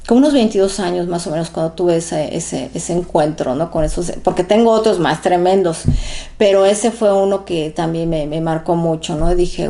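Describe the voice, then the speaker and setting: A woman hosts her own online show and shares a personal experience directly with her audience. She talks in an animated, emphatic way. She doubles up her words and keeps checking in with "¿no?". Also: mid-range voice. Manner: animated, emphatic, tags phrases with "¿no?"; repeats words when excited. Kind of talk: personal storytelling to viewers.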